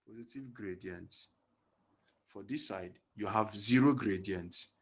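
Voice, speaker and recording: This physics tutor's voice is lowish, creaky and husky, and he speaks slowly. He's giving an online lesson on a video call through a headset, raising leading questions and supplying the answers on his own.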